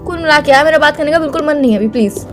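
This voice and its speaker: A woman's voice: high voice, racing, soft background music, lightly acted. A young woman playing a girlfriend in an acted phone-call drama, exasperated and sulky, cutting him off with curt refusals. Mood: annoyed.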